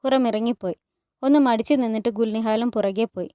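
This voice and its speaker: A woman retelling a TV drama as casual storytelling narration, in a steady, matter-of-fact way. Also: a little high, fairly quick, no room sound, studio quality. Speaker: storyteller recapping a TV series.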